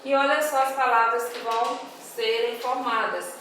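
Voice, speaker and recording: A primary school teacher, a woman, goes over homework answers with young children, slowly and patiently sounding words out syllable by syllable. Her slightly high, somewhat bright voice keeps a fairly even intonation. The recorded correction session comes from a very echoey room, with her far from the mic and faint noise behind her.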